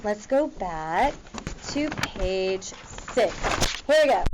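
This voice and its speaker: A woman's voice: mid-range voice, animated, takes it slowly, background noise. A woman teacher talking to her class in an informal, directive way as she works through math examples. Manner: informal, directive, checking students follow along.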